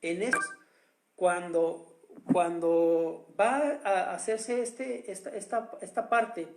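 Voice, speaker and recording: A preacher delivering a sermon with emphatic stresses, often calling out to the listeners as brothers. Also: mid-range voice. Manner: drawn-out stresses on key words. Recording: roomy echo.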